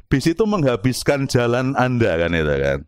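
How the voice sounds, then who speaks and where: A middle-aged man giving a lively religious philosophy lesson, explaining with rhetorical questions and examples and slipping in Arabic and words. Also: mid-range voice, moderate pace, smooth, no echo, studio quality. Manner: mixes in Arabic and Javanese words. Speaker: Islamic philosophy teacher. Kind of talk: lively religious study lecture.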